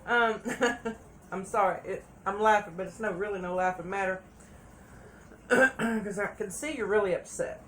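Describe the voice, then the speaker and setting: A woman's voice: mid-range voice, normal speed, a bit bright, a little hiss or hum. A woman giving a casual tarot reading, chatty and repeating phrases for emphasis. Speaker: tarot reader.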